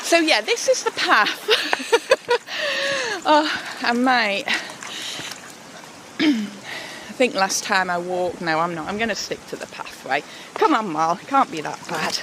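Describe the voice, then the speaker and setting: A woman's voice: mid-range voice, expressive, takes it slowly, long pauses, noisy background. A woman vlogging on her own as she walks a wet mountain path, chatty and self-deprecating, laughing often. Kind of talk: casual solo hiking vlog.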